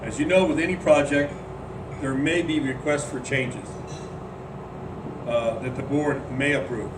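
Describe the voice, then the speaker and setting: Chairing a club meeting, this man speaks in a mid-range, steady voice, halting often with "uh" as he makes an announcement. He's a board member at a golf club, captured by a far-off mic in a roomy meeting room with a humming background.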